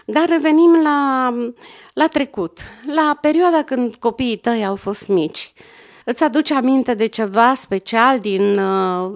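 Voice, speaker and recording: Woman interviewer, slightly high pitch, calm and guiding. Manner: calm and reflective, steering the conversation. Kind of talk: gentle guiding questions.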